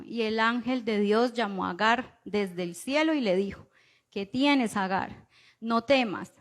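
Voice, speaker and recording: A woman with a Colombian accent preaching a sermon in a conversational way, often checking in with the listeners through quick rhetorical questions. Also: a little high. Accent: Colombian Spanish. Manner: conversational preaching, frequent rhetorical "¿cierto?" tags.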